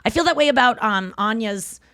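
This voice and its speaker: A woman's voice: fairly high pitch, lively intonation, a little fast, fairly bright tone, no room sound, studio quality. A woman in her thirties hosting a podcast, chatting candidly with lots of fillers and giggles. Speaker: podcast host. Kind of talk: casual chat.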